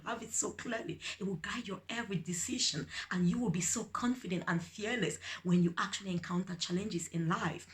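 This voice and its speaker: A middle-aged woman from Cameroon with a Cameroonian accent, giving an earnest inspirational video message as an empowerment coach, repeating key phrases for emphasis. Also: medium pitch.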